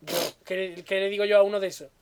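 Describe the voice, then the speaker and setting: A man's voice: high voice, level tone, quick pace, clear, resonant tone. A man from co-hosting a podcast, giving blunt opinions and swearing casually. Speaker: podcast co-host.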